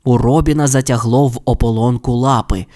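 A man narrating a children's audio fairy tale with expressive, animated storytelling. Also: mid-range voice, a little fast.

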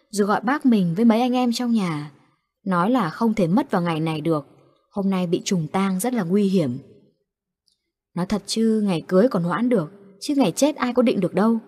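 A woman storyteller reads ghost stories at an even, unhurried pace. Her voice sits at a middle pitch. It is recorded close and dry, with no echo at all. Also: breathy edge. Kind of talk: horror story narration.

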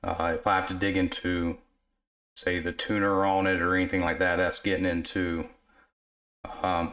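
This is a radio repair technician at the workbench of his home repair shop, narrating casually as he works. His voice is low and hoarse from illness, and he explains in a relaxed way with plenty of filler words.

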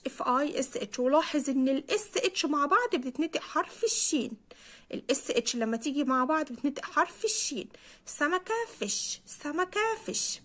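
A young Egyptian woman with an Egyptian Arabic accent, an English teacher explaining a lesson to children, spelling words out slowly and repeating them. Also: high voice.

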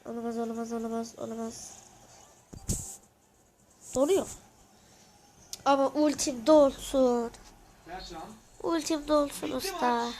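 A host giving live gameplay commentary to viewers, excitable and crying out when losing, asking for likes and subscribes. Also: high voice. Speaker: gaming channel host.

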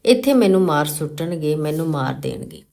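A woman voicing a terrified, distrustful little girl in a storybook reading, pleading in halting, tearful words. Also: low voice, big pitch swings, vocal fry, mellow, exaggerated voice. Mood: frightened pleading.

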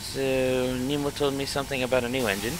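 Man playing a quick, inquisitive train engine. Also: medium pitch, level tone, natural voice. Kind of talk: amateur train drama acting. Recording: clear engine noise behind.

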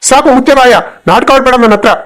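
A man voices a cruel young husband in a cartoon who is quick to anger and barks harsh threats. His voice sits high for a man and moves at a brisk pace. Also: fairly bright tone. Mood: angry. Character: cruel hot-tempered young husband, mother's boy.

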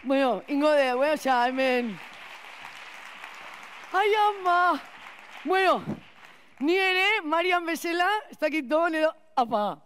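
A woman playing a scatterbrained, chatty school cleaner in a clown stage monologue, rambling with restarts and loud outbursts. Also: high-pitched, lively intonation, slow pace, long pauses, some chatter behind, slight background noise, heavily acted. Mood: flustered. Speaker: clown performer.

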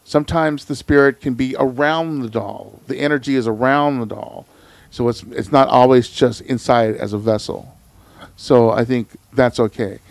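A man's voice: mid-range voice, normal speed, creaky, no echo. A man hosting a podcast, telling stories in a laid-back, slangy casual chat. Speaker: podcast host.

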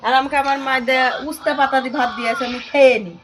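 A woman vlogging casually at home in the kitchen, chatty as she shows things to viewers, her voice slightly hoarse. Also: sits high, steady tone, quick pace. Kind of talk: casual home vlog chat.

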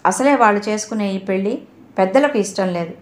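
A young woman begs and pleads insistently, as a woman acts her out. The voice sits at a middling pitch. The reading carries a roomy echo. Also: expressive, fairly quick, lightly acted. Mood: pleading. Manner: begging and insistent.

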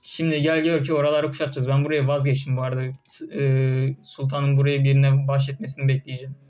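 A man's voice: a little high, a little mellow. A young man doing casual gameplay commentary, often frustrated, cursing and barking orders at his troops. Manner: frustrated, swearing, talking to game troops.

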